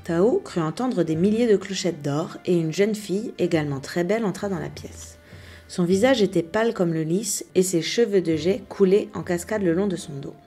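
Woman storyteller, calm bedtime reading, lowish mellow voice, soft music underneath. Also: moderate pace, husky.

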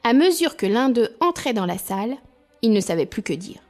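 A woman reading a fairy tale aloud as storyteller, in an expressive, lively way. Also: fairly high pitch, moderate pace, soft background music.

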